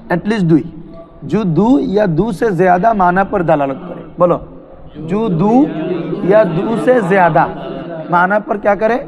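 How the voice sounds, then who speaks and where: High-voiced man teaching a class. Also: dull audio. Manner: questioning students, repeating terms for them to answer. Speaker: madrasa teacher. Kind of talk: classroom grammar lesson.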